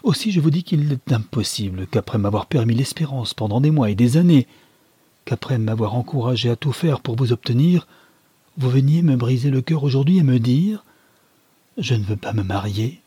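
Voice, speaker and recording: A man's voice: medium pitch, lively intonation, normal speed, mellow, husky, no echo. A man voicing a passionate young man in love who pleads ardently with the woman he adores, in a novel read aloud. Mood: wounded.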